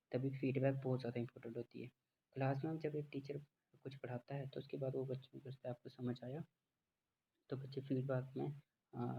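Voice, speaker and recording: A man teaching a lecture, explaining step by step with frequent fillers and reading English definitions very slowly. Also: mid-range voice, vocal fry. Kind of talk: classroom lecture. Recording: dull lo-fi with faint background noise.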